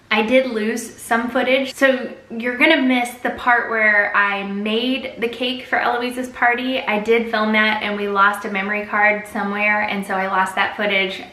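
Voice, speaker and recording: A woman's voice: medium pitch, pushed and bright. A woman chatting casually to camera as a family vlogger, upbeat and chatty, recorded in a bathroom with heavy echo. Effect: strong room echo. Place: bathroom at home.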